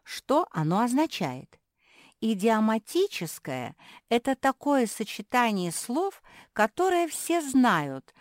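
A woman doing a high, eager young pug girl. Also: big pitch swings, no room sound, studio quality. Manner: eager, blurts things out quickly. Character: young female pug, naive and chatty. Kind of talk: storybook character voice.

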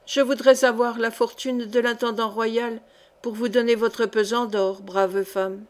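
A woman's voice: fairly high pitch, little pitch movement, measured pace, natural voice. A woman reading aloud as a spirited young man, ardent and proud. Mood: enthusiastic.

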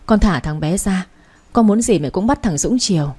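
A woman's voice: medium pitch, animated, normal speed, breathy edge. A woman voicing a middle-aged mother who pleads and scolds in an audiobook story. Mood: pleading. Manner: pleading, sharp.

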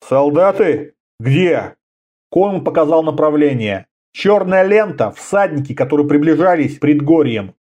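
A man narrating an audiobook in a lively storytelling manner. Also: on the high side, moderate pace, few pauses, lo-fi sound. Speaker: audiobook reader. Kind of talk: scripted narration.

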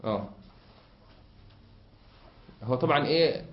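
Egyptian sheikh teaching in an echoey room. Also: male voice, medium pitch, lively intonation, unhurried. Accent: Egyptian Arabic. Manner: explains patiently, quizzes listeners with fill-in questions. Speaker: sheikh teaching a grammar text. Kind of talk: classroom lesson. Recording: echoey room, muffled lo-fi sound.

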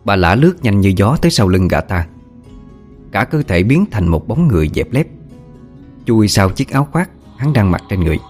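A man tells a spooky tale as an audiobook, keeping his storytelling calm and even. His voice sits very low. Faint music plays behind him. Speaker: audiobook narrator. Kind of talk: storytelling narration doing all voices.

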